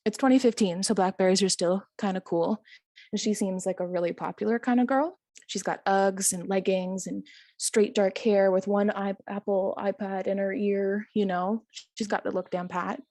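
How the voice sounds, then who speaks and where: A woman performing stand-up, spinning a long anecdote in a chatty, self-amused way. She fills pauses with ums and chuckles at her own lines. Her voice sits at a middling pitch and sounds close and dry, with no room around it. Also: steady tone, dark tone, no room sound. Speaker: stand-up comedian. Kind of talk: stand-up storytelling set.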